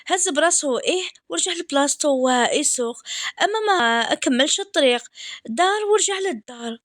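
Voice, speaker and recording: A woman with an Algerian Arabic accent narrating a first-person story in a soft, intimate way. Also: high voice, lively intonation, a little fast, no room sound, clean studio sound.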